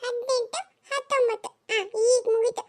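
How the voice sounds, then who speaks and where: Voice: very high voice, level tone, normal speed. A performer voicing a naive, silly young son who innocently explains himself to his father. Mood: innocent explaining. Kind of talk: cartoon comedy voice acting.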